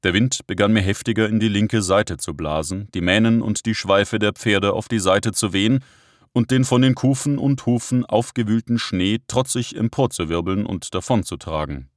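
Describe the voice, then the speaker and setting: A man narrating an audiobook in a steady, measured reading. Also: on the low side, no room sound, studio quality.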